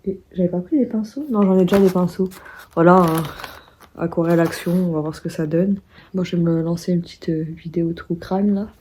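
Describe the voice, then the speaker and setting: A woman's voice: on the low side, steady tone, fairly quick, warm tone, slightly rough. A young woman vlogging at home in a rambling, chatty way, full of restarts and fillers. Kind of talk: casual vlog chat. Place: at home indoors.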